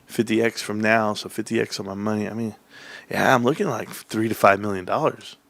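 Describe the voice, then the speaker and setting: A man in his forties hosting a casual stock livestream, calling his viewers "bros" and "guys". He jumps into high, hyped bursts, then drops to low muttering. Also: fairly even intonation, brisk, gravelly, fairly bright tone, no room sound. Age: 40s.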